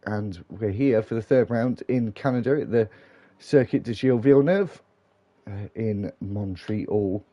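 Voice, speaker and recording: A man's voice: on the low side, a little slow, dark tone, dry recording, highs cut off. A man hosting and commentating live on an online racing broadcast. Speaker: host and lead commentator.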